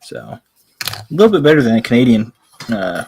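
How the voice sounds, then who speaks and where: A man's voice: medium pitch, sing-song, moderate pace, a little mellow, slight background noise. A man with a Tennessee accent chats casually and folksily on a live sales stream, a bit self-deprecating. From Tennessee, USA. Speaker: coin seller.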